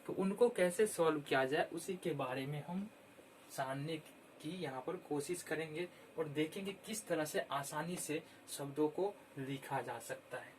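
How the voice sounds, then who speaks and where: A man teaching children how to spell words, repeating each word slowly and clearly. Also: on the high side, slight background noise. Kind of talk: slow, patient Hindi spelling lesson.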